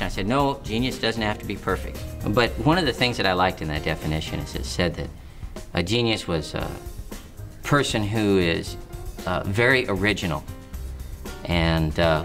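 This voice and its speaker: A man telling stories in an interview, halting and restarting often with many fillers. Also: on the low side. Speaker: harmonica player and singer interviewed. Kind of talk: interview storytelling.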